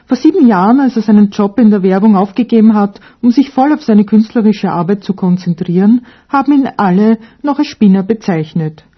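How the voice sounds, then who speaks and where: A woman's voice: mid-range voice, expressive, fairly quick, few pauses, breathy edge. A woman narrating a scripted radio feature as a reporter. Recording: dull radio recording, faint music.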